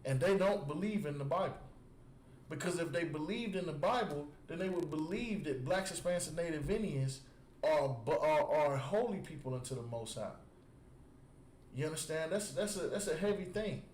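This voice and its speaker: A fairly high-pitched, animated male voice with a darkish tone and normal pace belongs to a religious teacher street-preaching in call-and-response fashion. He builds points through emphatic repetition and nearly always follows with "You understand?" The setting echoes, with faint background noise.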